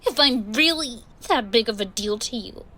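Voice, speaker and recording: A woman's voice: fairly high pitch, animated, normal speed, natural voice. A woman playing a ruthless, defiant crime boss in a role-play drama, taunting her enemies. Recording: very noisy, gunfire behind.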